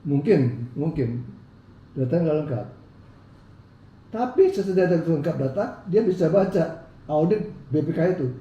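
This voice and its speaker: A man's voice: a little high, animated, moderate pace, pauses often, dark tone, distant mic, lo-fi sound. A man with a speech impediment that slurs his r sounds, explaining a legal case emphatically as an interview guest, repeating his points. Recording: roomy echo, faint background noise.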